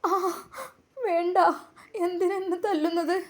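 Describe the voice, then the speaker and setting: A woman's voice: very high-pitched, level tone, slow, darkish tone, pitched above the performer's own voice. A woman voicing a wounded young wife, crying and protesting in a dramatized story reading. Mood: tearful. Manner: tearful, protesting.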